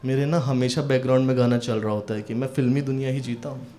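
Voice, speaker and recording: Stand-up comedian, man, acts out dialogue, sudden loud punchlines, audience noise behind. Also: medium pitch, fairly even intonation, fast. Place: comedy stage before a live audience.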